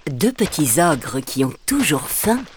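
A woman narrating a children's audiobook in an expressive, sing-song way. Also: sits low, takes it slowly, slight background noise. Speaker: storyteller.

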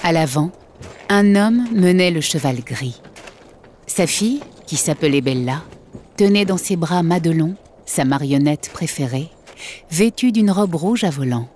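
A woman narrating a children's audiobook in a slow, expressive storytelling manner. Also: deep voice, slight background noise.

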